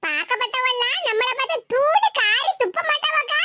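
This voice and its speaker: A woman's voice: very high voice, fairly quick, pushed and bright, a little hiss or hum. A woman doing a smug young Tirunelveli wife. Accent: Tirunelveli Tamil. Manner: self-righteous, lecturing. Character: young wife, proud and newly respectable.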